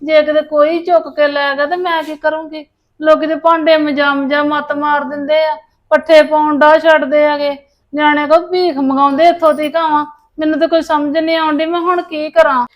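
A woman's voice: high-pitched, flat delivery, moderate pace, lo-fi sound, close to an everyday voice. A woman playing a fretful, lamenting grandmother. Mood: anxious. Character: anxious paternal grandmother of a missing boy.

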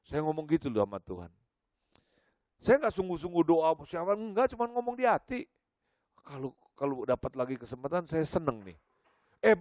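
An older man preaching at a church service, telling personal stories in an animated way and acting out the dialogue. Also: a little high, no room sound, studio quality. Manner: animated storytelling, acts out dialogue. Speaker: pastor. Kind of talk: sermon.

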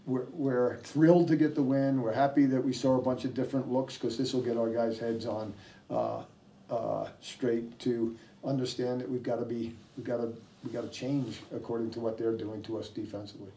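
This older man, a head coach, answers reporters after a game at a table in front of a sponsor backdrop, wandering off with fillers and restarts. He speaks at a moderate pace in a steady, dark, medium-pitched voice. Captured distantly by a table mic, the audio carries slight hiss or hum.

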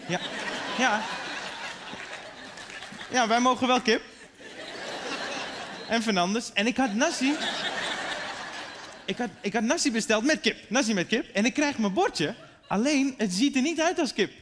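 A man in his thirties doing a stand-up routine on a theater stage into a stage microphone, animated and acting out his relatives. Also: very high voice, unhurried, pauses often, noisy background. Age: 30s. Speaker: stand-up comedian. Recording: echoey theater hall.

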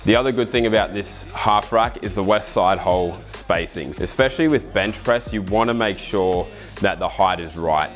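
A man in his thirties with an Australian accent, giving a relaxed, enthusiastic walkthrough of his garage home gym. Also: fairly low pitch. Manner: relaxed, enthusiastic, explains with asides. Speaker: fitness ambassador giving a gym tour. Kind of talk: casual walkthrough to camera. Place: home garage gym with roller door, indoors.

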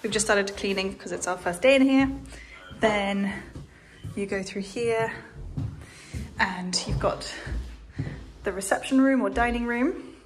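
A young woman vlogs candidly into her phone at arm's length, chatting as she walks through an empty house and then out onto a street. Her voice is medium-pitched and measured, with slight background noise behind her casual narration.

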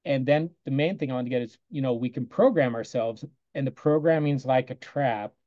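A man on a video call walks through a lesson he taught, talking casually and quoting what he told his students. His voice is mellow and relaxed at a middling pitch. The sound is dry and slightly muffled. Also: fairly quick, dry recording. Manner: conversational, quotes himself often with "I go", soft asides. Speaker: teacher presenting a lesson.

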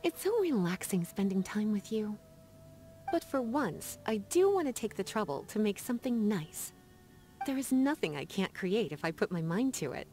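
Actress as Lisa, languid flirty sorceress, swooping pitch. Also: female voice, very animated, dark tone, close to an everyday voice. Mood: playful, teasing. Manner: languid, teasing, breaking into sighs and drawn-out words. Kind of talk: video game character dialogue. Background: background music.

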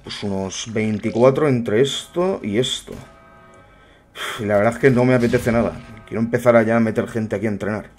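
A man's voice: lowish voice, moderate pace, a little mellow, soft background music. A young man muttering wry commentary to himself while playing a game. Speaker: gameplay streamer. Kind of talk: casual gameplay commentary.

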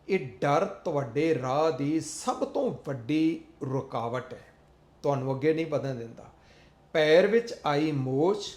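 Man, motivational speaker; earnest, repetitive delivery, slightly raised pitch, roomy echo. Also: darkish tone. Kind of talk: motivational talk.

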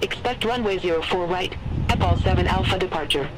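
A male air traffic controller heard as a radio transmission over a pilot's cockpit headset, giving clipped, formal clearances. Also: high-pitched, brisk. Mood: businesslike.

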